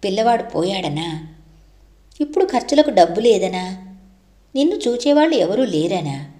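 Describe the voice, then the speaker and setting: A small girl who talks like a wise elder, gentle and unhurried, as a woman reads her in an audiobook. The voice sits at a middling pitch. The room rings with a noticeable echo. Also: very animated, natural voice. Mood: calm. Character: young girl with a wise, calm way of speaking.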